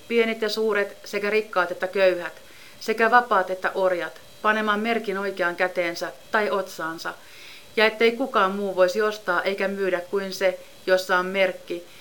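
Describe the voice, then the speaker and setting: A woman reads scripture aloud at an even, measured pace. Her voice sits at a middling pitch, and her delivery stays solemn and steady. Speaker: scripture reader. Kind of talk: scripted Bible reading.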